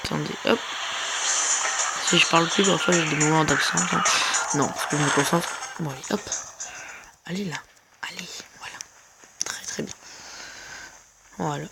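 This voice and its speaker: A woman's voice: deep voice, normal speed, vocal fry, pauses often. A woman hosting a gaming video in casual commentary, chatty and rambling, often repeating herself. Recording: music playing behind the voice.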